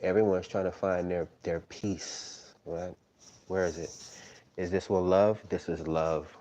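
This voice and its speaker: A man's voice: sits low, steady tone, a little slow, warm tone. A man in his thirties hosting a tarot live stream, rambling casually and tagging his points with "right?". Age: 30s. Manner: rambling, tags sentences with "right?".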